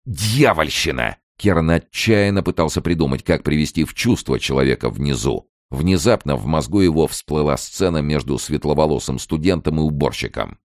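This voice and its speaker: A man reading a novel aloud as an audiobook narrator, with measured, grave storytelling. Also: rumbling low, animated, a little mellow, no room sound, studio quality.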